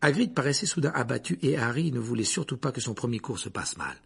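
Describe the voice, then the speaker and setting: A man narrating an audiobook in an expressive storytelling manner. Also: medium pitch, fast talker, gravelly, husky. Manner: expressive storytelling, voices the characters.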